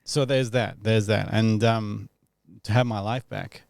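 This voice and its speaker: Low, gravelly-voiced man in his thirties. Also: steady tone, a little mellow, dry recording, studio quality. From Iraq. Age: 30s. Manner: thoughtful, pauses often, laughs easily. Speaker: podcast guest. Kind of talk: casual reflective interview talk.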